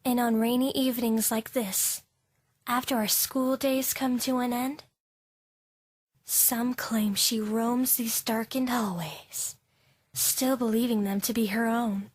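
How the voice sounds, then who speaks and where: In an anime fan dub, a woman voices an easily frightened teenage schoolgirl narrating an eerie ghost story, her slightly high voice hushed, drawn out and ominous with fairly even intonation. The delivery is theatrical and spooky. The studio sound is clean with no room sound, though background music plays behind her.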